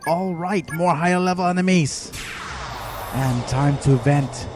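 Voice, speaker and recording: A man thinking aloud over his video game in a rambling let's play commentary, full of fillers and pauses. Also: a little high, darkish tone, faint music behind.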